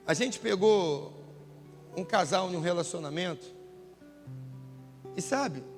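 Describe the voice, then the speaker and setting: A man's voice: sits high, slow, long reverb tail, faint music behind. A man preaching a sermon as a pastor, telling stories in a casual, slangy way. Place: church hall.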